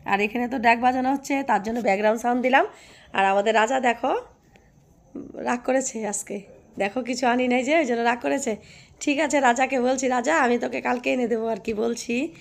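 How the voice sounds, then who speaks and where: A hoarse woman vlogging by a cowshed, chatting affectionately with her viewers and often asking if they follow. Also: fairly high pitch, fairly even intonation, a little fast. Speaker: village life vlogger. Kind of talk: casual vlog chat to viewers.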